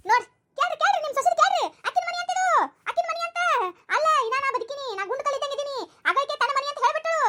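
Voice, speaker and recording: Woman playing a whiny mother-in-law, North Karnataka accent, melodramatic, fast and bright. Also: very high voice, voice pushed up, full character voice. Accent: North Karnataka Kannada. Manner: melodramatic, complaining, wailing. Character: wailing, self-pitying village mother-in-law. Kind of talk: comedy skit.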